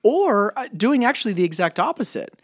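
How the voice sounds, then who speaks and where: A man co-hosts a relaxed podcast chat, affirming his partner's points as he goes. His voice is a bit higher than most men's, and the recording is close and dry with no room sound. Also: no room sound. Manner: affirming, chatty, quick to agree. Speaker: podcast co-host. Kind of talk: casual podcast conversation.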